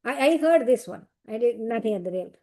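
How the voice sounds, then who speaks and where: A woman's voice: fairly high pitch, lively intonation, fairly quick, warm tone. Woman explaining scripture stories. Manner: digressive, explanatory, many fillers. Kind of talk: storytelling lesson.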